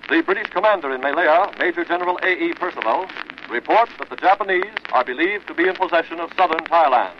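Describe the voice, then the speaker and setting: American guy doing old 1940s newsreel style radio news, formal and declamatory, highish voice, muffled noisy broadcast. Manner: formal, declamatory bulletin reading. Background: loud radio noise.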